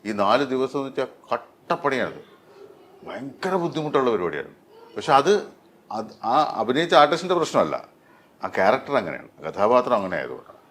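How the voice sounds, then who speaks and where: A middle-aged man, a dubbing artist, talking in an interview with many pauses and fillers. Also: mid-range voice, big pitch swings, a bit bright. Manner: hesitant, many fillers and restarts. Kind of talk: interview conversation.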